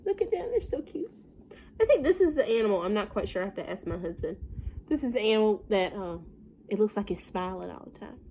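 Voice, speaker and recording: Reading a picture book to young children the way a teacher would, a woman uses a mid-range voice at a fairly quick pace. Her delivery is expressive and sing-song, with simple questions and asides mixed in. The audio is poor, with slight background noise.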